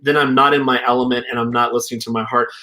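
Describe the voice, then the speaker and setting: A man's voice: medium pitch, little pitch movement, very fast, sharp tone. A young man talking casually over a remote call, reflective and loose, hedging often with "like" and "you know". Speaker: co-founder and healing practitioner. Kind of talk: casual conversation.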